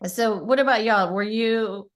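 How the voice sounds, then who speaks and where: A middle-aged woman hosting a casual chat, upbeat and quick to laugh, acting out little quotes as she tells stories. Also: fairly high pitch. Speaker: host, real estate agent.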